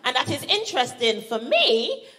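With a high voice and a moderate pace, a Barbadian woman comedian with a British accent works a live audience on stage, swearing, exclaiming and acting out reactions in an animated routine. Audience laughter and room ambience come through in the venue recording.

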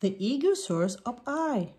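Reading a picture book aloud to young children, a woman goes slowly and deliberately in short, simple sentences, her pitch swinging very lively. Light background noise and some clicking can be heard.

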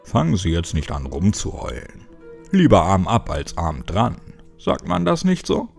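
Mocking gruff cop guy, dry jokes, higher voice done by a man reading a horror audiobook. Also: huge pitch swings, a little slow, faint music behind, full character voice. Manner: teasing, dry and sneering. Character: sarcastic middle-aged male cop, mocking and gruff.

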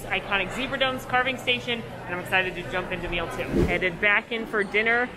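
In a big indoor buffet restaurant, a young woman who vlogs about food and theme parks gives an enthusiastic, chatty food review and tour. Her voice is a little high, the audio is poor, and crowd chatter from the busy room is audible.

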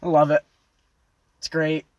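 A young man ranting to camera in a casual, foul-mouthed vlog, loud and animated, veering between yelling and muttering, parked at a roadside turnout. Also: on the high side, measured pace. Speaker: vlogger. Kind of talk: casual profane rant to camera.

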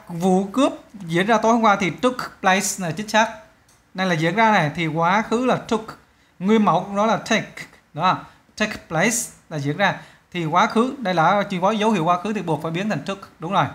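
A man's voice: high-pitched, fairly bright tone. A man from Vietnam, teaching English test answers in a chatty way and repeating each English word twice. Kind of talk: explaining a test to students.

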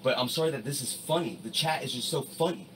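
A man in his thirties in a heated livestream argument, loud and defiant, repeating himself. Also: mid-range voice, quick pace. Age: 30s. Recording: distant mic with faint noise.

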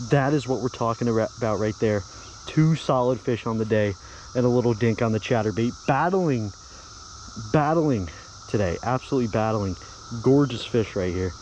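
A young man vlogging while pond fishing, excitedly talking to his viewers. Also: medium pitch, a little hiss or hum, low-quality recording. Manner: excited, exclamatory, talks to viewers. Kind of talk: casual outdoor fishing vlog. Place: outdoors by a pond.

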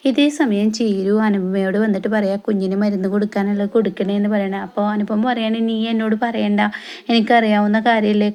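A woman casually retelling a TV serial episode for her viewers, with frequent "eh" fillers and soft trailing tag words. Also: mid-range voice. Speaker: TV serial recap vlogger.

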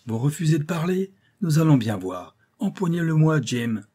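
A man's voice: medium pitch, moderate pace, mellow, voice pushed up, natural voice. A man voicing a brutal, menacing ship captain in an audiobook, with harsh, commanding orders. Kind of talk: audiobook character voice.

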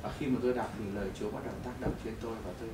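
A middle-aged man tells his testimony in a rapid, animated sermon, swinging between loud and hushed. He is picked up from some distance in an echoey church hall, with faint room noise behind him. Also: medium pitch. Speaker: preacher giving testimony.

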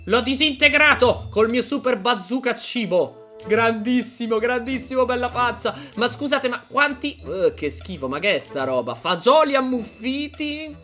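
A man giving excited gameplay commentary as a video host, energetic and playful, often shouting and yelping. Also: extremely high pitch, moderate pace. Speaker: gaming YouTuber. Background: background music.

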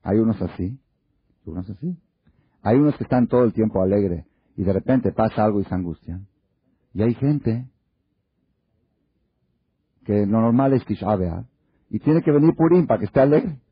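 Husky-voiced man giving a religious lecture. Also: lowish voice, expressive, normal speed, pauses often, no echo. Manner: asks many rhetorical questions; acts out little dialogues. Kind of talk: Torah lecture to an audience. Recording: dull lo-fi recording.

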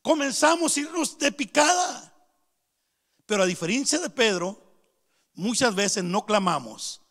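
Pastor guy, middle-aged, really high voice, storytelling sermon, long echo from the church hall. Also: big pitch swings, measured pace, fairly bright tone. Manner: storytelling, keeps calling out to the brethren.

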